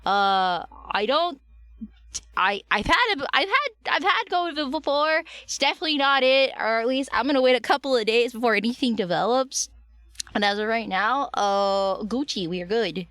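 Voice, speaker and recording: A woman's voice: fairly high pitch, expressive, moderate pace, fairly bright tone, dry recording, clean studio sound. A woman livestreamer chatting casually and affectionately with her viewers, her voice slightly strained and recovering.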